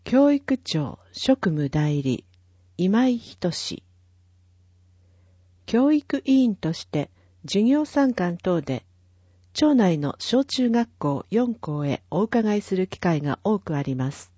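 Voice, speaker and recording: A woman's voice: lowish voice, sing-song, takes it slowly, dark tone, slightly rough, no echo. A woman reading a town newsletter aloud, carefully and evenly, spelling out numbers and addresses digit by digit. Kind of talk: slow, careful read-aloud of a printed bulletin. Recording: dull, lo-fi and dry.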